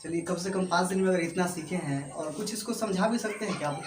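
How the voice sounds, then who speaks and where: A man teaching English to his class, speaking with an Indian accent and repeating himself, often checking that his students are following. His voice sits fairly high. The room is echoey and has background noise. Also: fast. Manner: repetitive, checks understanding often.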